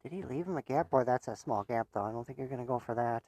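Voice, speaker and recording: A man's voice: medium pitch, fast, mellow, dry recording. Male pool-stream commentator, casual and chatty with frequent laughs and restarts, mid-range voice, dry sound. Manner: chatty, laughs often, stumbles and repeats words.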